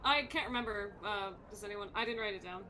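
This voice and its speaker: A woman playing a tabletop game, chatting casually and lively. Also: medium pitch, fast, a crowd in the background, poor audio. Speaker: player.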